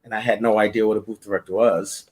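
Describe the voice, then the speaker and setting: A middle-aged voice-over coach tells stories in a casual interview, animatedly acting out the directions he gives in the booth. He talks fast in a voice on the low side.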